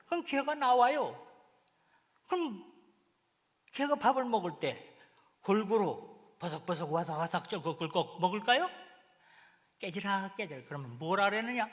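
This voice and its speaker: A man, a pastor, preaching a sermon in an animated, colloquial storytelling way, acting out little scenes. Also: sits high, normal speed, long pauses. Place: church sanctuary. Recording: reverberant church hall.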